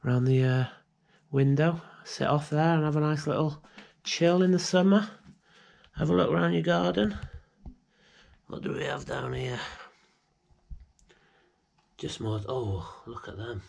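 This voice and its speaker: A British vlogger doing urban exploration gives viewers relaxed commentary from inside an abandoned house, shooting on a gimbal-mounted handheld action camera. His voice sits on the high side, creaky and a little mellow, delivered at a measured pace with long pauses.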